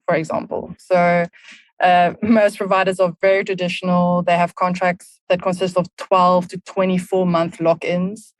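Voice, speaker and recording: This South African marketing lead in her thirties chats casually as a podcast guest, giving long explanations peppered with "um." Her voice is lowish, and the recording has no echo.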